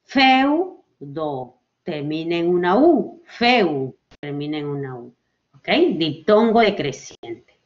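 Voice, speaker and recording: A woman's voice: deep voice, animated, a little slow, dark tone. A woman teacher gives a children's language lesson, stretching out example words and often checking with "ok?". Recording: dull lo-fi recording.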